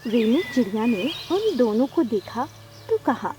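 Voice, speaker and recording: A woman narrating a children's cartoon story in a steady storytelling way. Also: fairly high pitch, measured pace.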